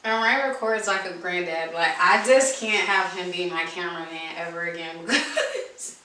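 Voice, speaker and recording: Her voice is on the low side and sharp, at normal speed, as she tells a story to camera in a relaxed vlog. She speaks informally and emphatically, repeating things for emphasis, with a roomy echo from a distant mic.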